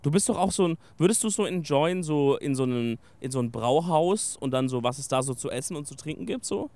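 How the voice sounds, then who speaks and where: A man's voice: fairly high pitch, expressive, fast talker, dark tone, dry recording. A young man hosting a podcast and chatting casually in youthful slang. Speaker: podcast host, streamer. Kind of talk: casual chat.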